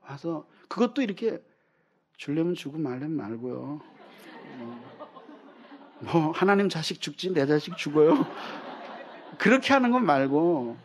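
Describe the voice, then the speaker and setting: A man pastor preaching an animated sermon, acting out little dialogues and dropping to whispers at times. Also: a little high, measured pace, pauses often, some chatter behind, a little hiss or hum. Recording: muffled lo-fi sermon recording.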